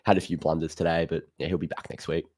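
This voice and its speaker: A man's voice: a bass voice, flat delivery, quick pace, darkish tone. An Australian man hosting a fan call-in show, chatting casually about footy in a laconic, blokey way.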